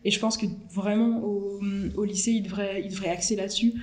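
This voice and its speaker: Young french woman on a video call, talks super fast, chatty, lots of fillers, echoey room. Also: mid-range voice, fairly even intonation. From France. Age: 20s. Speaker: interview guest, student. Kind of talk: casual chat over a video call.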